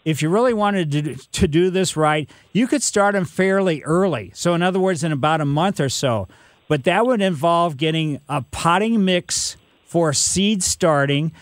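A man's voice: fairly high pitch, expressive, moderate pace, no echo. A man in his sixties hosting a call-in gardening radio show, giving advice in a rambling, folksy way full of "you know". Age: 60s. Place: radio studio.

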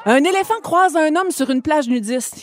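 A woman's voice: high voice, lively intonation, normal speed, noisy background. A woman with a Québécois French accent co-hosting a radio joke segment, laughing and exclaiming as she reads. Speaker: radio co-host.

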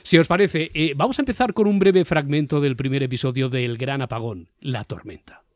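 With a medium-pitched voice and a fairly quick pace, a man with a Castilian Spanish accent hosts a podcast. He delivers scripted presenting of a discussion show in an articulate radio-presenter style as faint music plays underneath.

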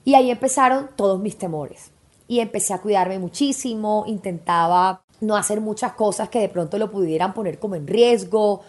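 A woman's voice: medium pitch, moderate pace, a little mellow. A woman in her thirties hosting a podcast, telling a personal story in a candid, emotional way. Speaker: podcast host.

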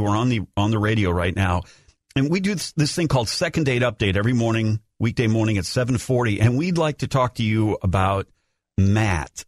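Smooth radio host guy, lively up and down voice, morning show call-in. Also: lowish voice, no room sound, clean studio sound. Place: radio studio.

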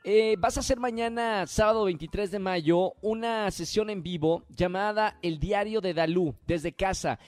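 A man hosting a live radio interview from home, teasing and quick. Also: high voice, a little mellow, dry recording, faint music behind. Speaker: radio host.

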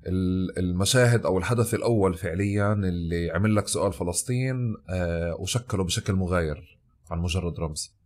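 A man's voice: low voice, brisk, a little mellow. A man with a Palestinian Arabic accent hosting a casual interview in everyday dialect. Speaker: podcast host.

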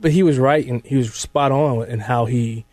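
Male American radio host, conversational live delivery, medium pitch, dry studio. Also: fairly even intonation, normal speed, a little mellow, dry recording.

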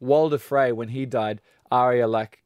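A man, chatting as a podcast co-host, excitable and acting out quotes with frequent laughs. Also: medium pitch, unhurried, clean tone, no echo, highs cut off. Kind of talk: casual chat.

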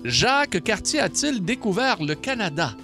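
A man with a Quebec French accent hosting a radio quiz, jokey and quick to laugh, with lots of hesitant fillers. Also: high-pitched, very animated, over music. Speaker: radio show host.

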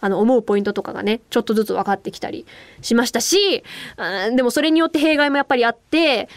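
A woman radio host with a slight Kansai-leaning lilt chats in a casual podcast. Her voice sits high and swoops widely as she talks animatedly and laughs easily. The studio sound is dry and close. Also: fast talker, no echo. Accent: slightly Kansai-leaning Japanese. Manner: animated, chatty, laughs often. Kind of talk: casual podcast chat, reading listener mail.

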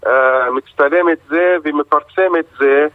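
A man calling in by phone as a bereaved father, speaking in halting, repetitive bursts that turn angry. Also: on the high side. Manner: halting, repeats words, emotional and angry. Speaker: bereaved father, radio guest. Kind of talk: phone-in radio interview. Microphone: telephone. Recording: tinny phone line.

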